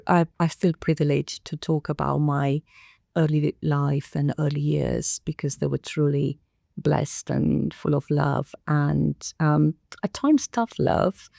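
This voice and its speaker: Low, gravelly-voiced woman from Romania. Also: warm tone, no echo, clean studio sound. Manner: measured, thoughtful, many pauses and fillers. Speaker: guest, council director. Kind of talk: podcast interview.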